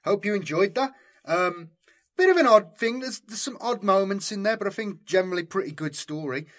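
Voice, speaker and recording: A male channel host chats casually and unscripted with his viewers, rambling informally and thinking out loud. His voice is high-pitched and fairly bright, with lively intonation and a fairly quick pace.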